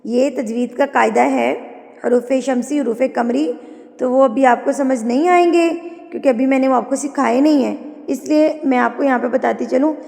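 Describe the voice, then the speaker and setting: A woman teaching Quran recitation, chanting words slowly and then explaining patiently with repeated corrections. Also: high-pitched, creaky, a little mellow, big-room sound. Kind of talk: online tajweed lesson, explaining between recited words.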